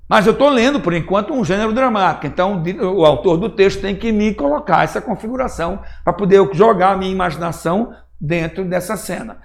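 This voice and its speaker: A man's voice: high voice, fast, vocal fry. A man teaching a class, reading a play aloud and explaining it, checking often that listeners follow, with a Pernambuco Brazilian accent. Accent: Pernambuco Brazilian Portuguese.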